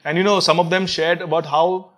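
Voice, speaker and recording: A man's voice: fairly high pitch, fairly even intonation, fairly quick, a bit bright. A man with an Indian English accent, a priest and school principal, chatting as an interview guest in a joking, self-deprecating way. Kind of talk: casual interview chat.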